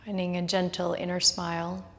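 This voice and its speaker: A woman yoga instructor giving guided relaxation in a soft, hushed, gentle and soothing voice, with pauses. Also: lowish voice, completely flat delivery. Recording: reverberant hall-like room echo.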